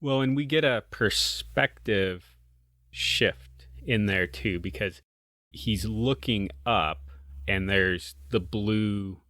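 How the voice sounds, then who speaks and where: A man's voice: lowish voice, slow pace, a bit bright, no room sound, studio quality. A man co-hosting a podcast, talking over a short story in an easygoing, reflective way. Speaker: podcast co-host. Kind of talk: casual book discussion.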